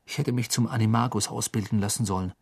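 A man's voice: on the low side, steady tone, quick pace, a little mellow, breathy edge, dry recording, clean studio sound. Harry, a man doing a tired, glum teen boy. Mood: weary. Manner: weary and subdued.

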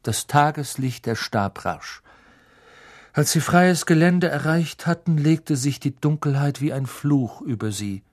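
A storyteller narrates a novel with dramatic flair, the voice swooping up and down through each sentence. The tone has a husky, slightly rough texture. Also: medium pitch, lively intonation, unhurried, darkish tone. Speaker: audiobook narrator. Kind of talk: scripted narration.

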